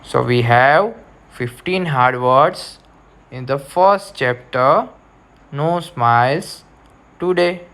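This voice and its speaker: A male teacher guides a class through a reading lesson. He speaks slowly and deliberately, repeating each instruction. His voice sits in an ordinary middle register. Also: medium pitch, animated, fairly bright tone.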